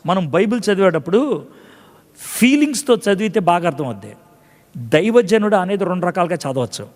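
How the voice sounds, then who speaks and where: A man's voice: high voice, sing-song, fairly quick, big-room sound. A man pastor preaching a sermon in a conversational way, acting out scripture dialogues and quizzing his congregation. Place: church.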